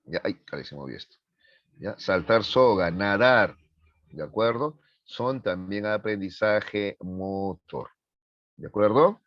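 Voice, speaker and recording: Male teacher, low register, lecturing a class with frequent checks for understanding, dry lo-fi classroom recording. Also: expressive, slow pace, no echo. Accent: Peruvian Spanish.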